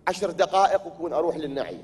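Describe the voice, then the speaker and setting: A high-pitched male preacher with an Iraqi accent delivers a sermon. He keeps asking his listeners questions and answering them himself. He sometimes builds up to loud, forceful declaiming. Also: racing, slightly rough. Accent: Iraqi Arabic. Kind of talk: religious sermon.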